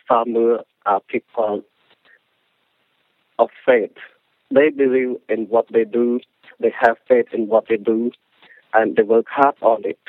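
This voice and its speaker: A man's voice: medium pitch, no room sound. A man from Cambodia, a book author, speaking with a Cambodian accent, answering an interview question earnestly with frequent restarts. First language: Khmer. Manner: earnest, halting with restarts and non-native grammar. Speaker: author, guest. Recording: phone-line dry sound.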